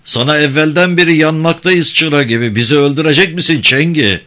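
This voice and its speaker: A man reading a story aloud, voicing a coarse, brash young village man who talks roughly and swears. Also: on the high side, a little fast, sharp tone, voice pushed up. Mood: coaxing. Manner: gruff, swearing, blustering.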